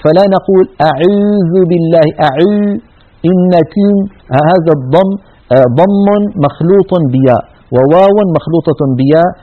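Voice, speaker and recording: A man's voice: on the high side, moderate pace. A man teaching Quran recitation in an earnest tajweed lesson, demonstrating each sound. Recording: tinny narrow-band radio sound.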